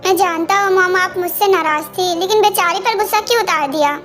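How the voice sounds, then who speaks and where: बहुत ऊँची आवाज़ में बोला गया एक ख़याल रखने वाला, रक्षक युवा प्रेमी, जिसे एक महिला डब करती है। वह मनाने और समझाने वाले नरम लहजे में बोलता है। पीछे हल्का संगीत है।. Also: female voice, very high voice, fairly quick, music in the background. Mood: pleading. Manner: soothing, pleading. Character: caring young man, protective boyfriend. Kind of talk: amateur fan dub.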